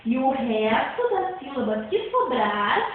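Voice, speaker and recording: A woman teaches a grammar lesson in a high, lively voice, taking her time and circling back to each point. She stops often to check that her listeners follow. She sounds far off in a very echoey room, with thin, phone-like sound. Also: takes it slowly. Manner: repeats points, frequent checks for understanding.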